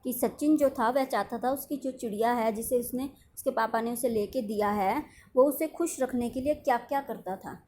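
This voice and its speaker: A woman teacher with a fairly high but darkish voice gives a lesson to a primary school class, slowly dictating words one at a time and explaining each. There's a little hiss or hum on the recording.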